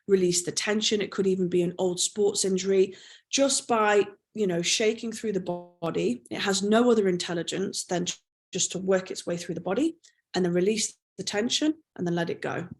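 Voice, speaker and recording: A woman's voice: mid-range voice, normal speed. A woman practitioner explaining trauma release exercises as an interview guest, patient and explanatory, checking in with "okay?" and "you know".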